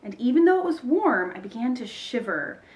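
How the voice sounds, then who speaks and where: Woman voicing a dramatic storybook schoolgirl, slightly raised, lively delivery. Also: on the high side, a little fast. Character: young schoolgirl, dramatic and mysterious.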